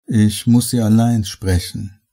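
A man voicing a worried servant in a horror audiobook, speaking hushed and urgent. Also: fairly low pitch, fairly even intonation, slow. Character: nervous male servant in a death mask. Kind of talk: audiobook character voice.

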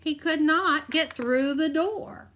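A woman teacher with a high voice reads a picture book aloud to children, sounding expressive as she stretches out words for emphasis and makes asides to her young listeners.

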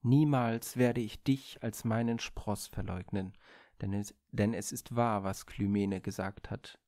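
A man voicing the sun god Helios, a mighty fatherly deity who speaks slowly and solemnly in a storybook reading. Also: on the low side, fairly even intonation, a little mellow, no echo, studio quality, close to an everyday voice.

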